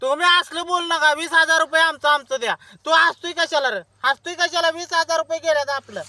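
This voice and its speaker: A man, complaining loudly and whining as a caller in a comedy phone sketch. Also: extremely high pitch, steady tone, brisk. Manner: whiny, complaining, loud outbursts.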